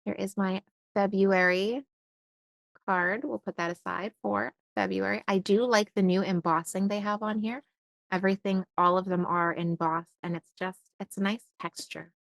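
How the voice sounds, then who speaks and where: A woman's voice: mid-range voice, fairly even intonation, normal speed, creaky, no echo. A young woman chatting casually while unboxing stationery and thinking aloud with lots of fillers. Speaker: stationery vlogger.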